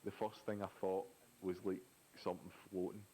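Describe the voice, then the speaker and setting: Male co-host, low voice, loose banter, easily amused. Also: fairly quick, a little hiss or hum. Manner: excitable, jokey banter. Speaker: co-host of a live drawing stream. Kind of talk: casual chat.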